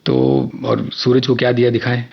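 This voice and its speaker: Gravelly husky man, reflective radio guest. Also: medium pitch, monotone, normal speed. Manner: reflective, explains with acted examples. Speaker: guest, theatre actor. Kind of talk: radio interview conversation. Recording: dull lo-fi radio studio sound.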